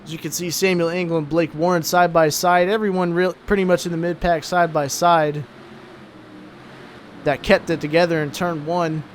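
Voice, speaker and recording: A man's voice: on the high side, level tone, normal speed, slight background noise. A young man giving casual, laid-back commentary on a sim truck race, sounding tired between calls.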